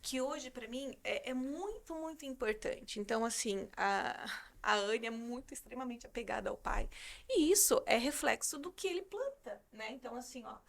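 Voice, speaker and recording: A Brazilian woman speaks on a casual podcast in a somewhat high voice with a gravelly edge. She talks in an easy, supportive way. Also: animated, moderate pace. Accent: Brazilian Portuguese.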